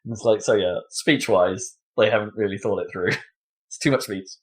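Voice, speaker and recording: A man's voice: fairly low pitch, moderate pace. A man chatting casually about video games as a podcast co-host, rambling with lots of fillers and laughs.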